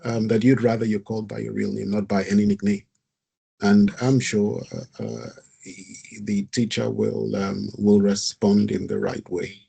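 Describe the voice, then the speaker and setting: A man's voice: lowish voice, little pitch movement, a little slow, gravelly, dark tone, slightly rough. A man pastor giving earnest advice in an online talk over a video call, often repeating his words. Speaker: pastor and facilitator.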